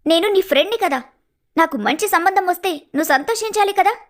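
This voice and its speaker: A clever, playful young woman in a cartoon story, teasing and lively. Her voice is bright and high. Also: a little fast. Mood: teasing, tender. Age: young adult.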